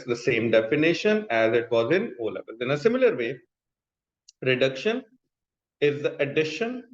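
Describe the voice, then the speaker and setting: A man with a Pakistani accent teaching a class in an instructive way, repeating key terms and often checking that students follow. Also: mid-range voice. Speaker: chemistry teacher. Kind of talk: classroom lecture mixing explanation and questions to students. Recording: dull, echoey room sound.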